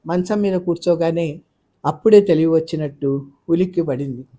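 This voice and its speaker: A man reading a novel aloud with steady, expressive storytelling. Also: fairly high pitch, normal speed. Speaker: audiobook narrator. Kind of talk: scripted novel narration.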